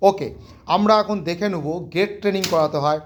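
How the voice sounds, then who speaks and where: A man with a fairly high voice works as a physiotherapist and walks a patient through rehab exercises. He calls out short commands and counts the reps aloud. He drops English medical terms in as he explains. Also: a little fast, a little hiss or hum. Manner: mixes English medical terms into his speech. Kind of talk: instructional demonstration with a patient.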